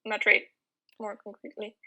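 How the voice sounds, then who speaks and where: Bright-voiced woman from Spain. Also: medium pitch, normal speed, lo-fi sound. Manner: relaxed, with "um" fillers. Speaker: guest. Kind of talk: casual conversation.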